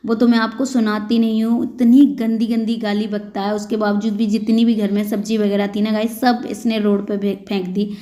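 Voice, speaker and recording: A woman's voice: medium pitch, level tone, normal speed, few pauses, mellow. A woman, likely in her thirties, talking earnestly and plainly to her viewers in a casual home vlog. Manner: earnest, plain-spoken, addresses viewers as "guys". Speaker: vlogger.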